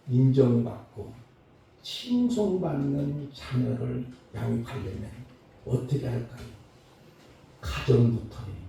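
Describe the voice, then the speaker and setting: A male pastor giving a Sunday sermon, swinging between loud, high calls and low, hushed lines. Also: gravelly, slight background noise. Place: church sanctuary. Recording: very echoey church hall, mic far off.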